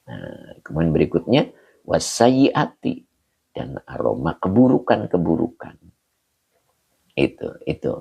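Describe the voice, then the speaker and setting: Man, Islamic teacher, livestream lesson, slightly hoarse, husky breathy voice, slow deliberate pace. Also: sits low, very animated, dull audio. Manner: explains Arabic words slowly, then greets viewers from the comments. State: slightly hoarse, clears throat. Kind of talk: livestream lesson explaining an Arabic religious text.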